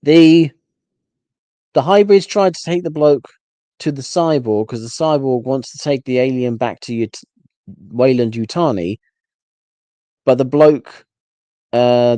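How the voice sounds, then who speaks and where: Male host, rambling exasperated solo rant, warm low-toned voice, dry sound. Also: unhurried, long pauses, no echo. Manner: rambling, stumbles and restarts, exasperated. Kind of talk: casual rant.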